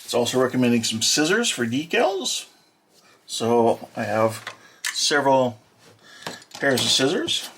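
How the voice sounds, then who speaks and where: A man walking through an unboxing as a hobby model builder, talking in a plain, matter-of-fact way with many filler pauses. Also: mid-range voice, big pitch swings, a bit bright, slight background noise. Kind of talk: unboxing walkthrough.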